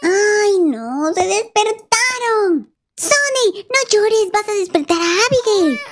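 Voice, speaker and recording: A young woman narrating a mobile game playfully, talking in animated sing-song to babies. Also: very high voice, slow pace, slight background noise. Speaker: game video creator. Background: faint children's music.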